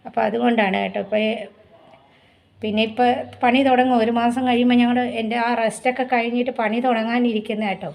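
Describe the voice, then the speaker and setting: A woman chatting casually to her viewers about her home chores, often cooing to her pet dog in a high sing-song voice. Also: steady tone, fast talker, gravelly, a little mellow. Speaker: vlogger. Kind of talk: casual home vlog chat.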